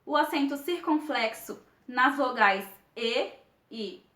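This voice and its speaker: A young Brazilian woman teaching a Portuguese grammar lesson. She speaks clearly and deliberately and stretches each example word slowly. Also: sits high, expressive, sharp tone, reverberant.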